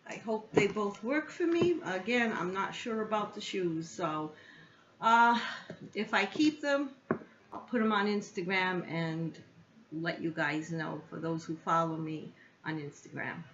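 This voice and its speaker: A woman vlogger talks through an unboxing in an easy, unhurried way, thinking aloud and filling pauses with little ums. The recording is a bit muffled, with a faint hiss underneath. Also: medium pitch, a bit bright. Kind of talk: casual unboxing chat. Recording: slightly muffled with faint noise.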